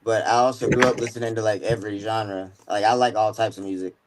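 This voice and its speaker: A man's voice: fairly low pitch, fairly even intonation, quick pace, slight background noise, low-quality recording. A man in his mid-twenties talking about his music as a guest, rambling and slangy with lots of filler words. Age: 20s. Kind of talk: casual chat.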